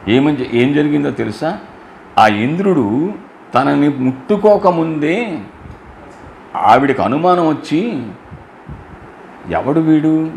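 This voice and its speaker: A man's voice: fairly high pitch, animated, creaky, a little mellow, a little hiss or hum. A man giving a religious storytelling discourse, explaining verses line by line and asking his listeners rhetorical questions. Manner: chants verses in slow drawn-out melody.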